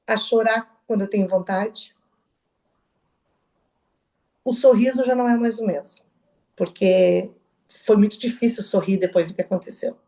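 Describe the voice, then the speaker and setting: A middle-aged woman, soft-spoken and halting, giving personal testimony as an interview guest. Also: mid-range voice. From southern Brazil. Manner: halting, soft-spoken, with restarts and quoted dialogue.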